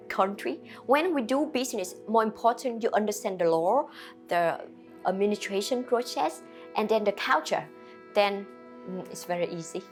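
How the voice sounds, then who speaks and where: Speaking in a mid-range voice, a woman from Vietnam answers questions about her restaurant business in an interview. Her English is halting and simple, non-native with a Vietnamese accent, and she relies on many fillers.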